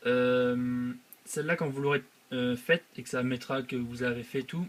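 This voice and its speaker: In a screen-recorded software tutorial for his channel, a young male host walks viewers through a website one step at a time, hesitating often with filler sounds. He speaks at a moderate pace with a medium-pitched voice and fairly even intonation.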